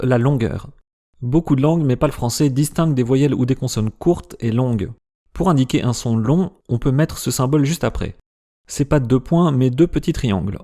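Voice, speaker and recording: A man's voice: mid-range voice, mellow. A man giving a casual lesson and sounding out consonants to demonstrate them. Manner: demonstrating speech sounds aloud. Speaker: language teacher.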